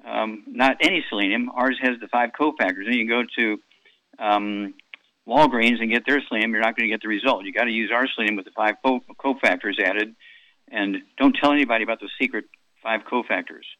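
An elderly man hosts a radio advice show, listing supplements and doses with frequent fillers. His voice is bright and forceful, recorded dry. The audio sounds dull and lo-fi. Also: fairly low pitch, brisk, no room sound. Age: 80s. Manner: rambling, repeats product doses, many fillers. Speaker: radio health show host.

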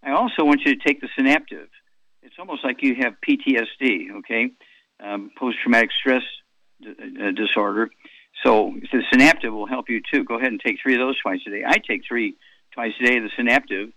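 An elderly man hosts a radio advice show, listing supplements and doses with frequent fillers. His voice is bright and forceful, recorded dry. The audio sounds dull and lo-fi. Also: mid-range voice, brisk, no echo. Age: 80s. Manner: rambling, repeats product doses, many fillers. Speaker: radio health show host.

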